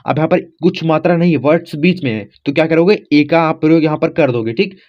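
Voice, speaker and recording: A man with a slightly high voice talks fast as he teaches in a casual classroom style, spelling letters aloud step by step. He informally treats viewers as friends and checks in with them often, all on a dull lo-fi recording.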